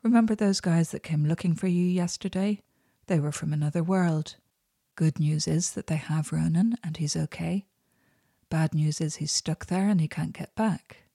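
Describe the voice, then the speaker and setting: A woman voicing a cross, sharp-tongued young woman who talks in a sarcastic, clipped way. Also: deep voice, moderate pace, vocal fry, slightly rough, no room sound, clean studio sound, heavily acted.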